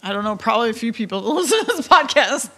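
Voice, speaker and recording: A woman's voice: on the high side, big pitch swings, very fast, sharp tone. A woman co-hosting a podcast, making dry, wry remarks in casual conversation. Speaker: podcast co-host. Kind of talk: casual chat.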